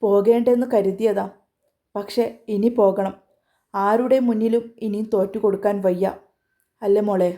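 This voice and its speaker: A middle-aged mother in a storybook tale, tearful and worn down, who speaks softly and pleadingly as a woman puts her on. Her voice is mellow and dark. She stays firm beneath the sorrow. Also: mid-range voice, steady tone, normal speed, long pauses, natural voice. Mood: resolute.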